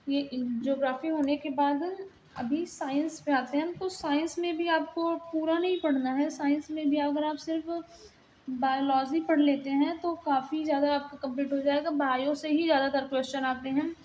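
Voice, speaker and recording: A woman's voice: high-pitched, darkish tone, a little hiss or hum, rough recording. A young woman giving a casual exam-prep lesson, explaining plainly while pointing things out in a book.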